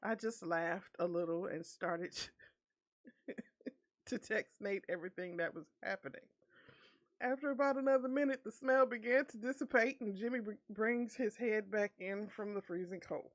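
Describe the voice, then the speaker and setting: Woman, streamer, story read aloud, giggly, laughs often, mid-pitched. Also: fairly even intonation, moderate pace. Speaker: VTuber streamer. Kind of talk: reading a Reddit story aloud with commentary.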